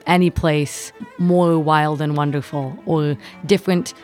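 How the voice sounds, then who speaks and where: Over background music, an Ontario-born woman with a North American accent recounts her touring life as a violinist and songwriter, storyteller-fashion. Her voice sits low and steady, unhurried and darkish in tone.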